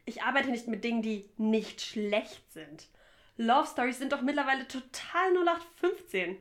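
A woman's voice: high voice, expressive, fairly quick. A woman playing a ruthless, ratings-obsessed television producer who is snappy and domineering in an audio drama. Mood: cold. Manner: snappy and domineering, shouts when angry. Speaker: production manager.

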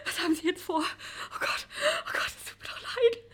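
A woman's voice: extremely high pitch, a little fast, a bit bright. A woman voicing a guilt-ridden young woman who stammers through tearful sobs in an audio drama. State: crying.

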